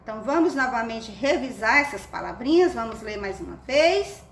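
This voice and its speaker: A woman's voice: a little high, animated, moderate pace, echoey room. A Brazilian woman who teaches reading to young children, giving a phonics lesson and speaking affectionately as she sounds out syllables one at a time. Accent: Brazilian Portuguese.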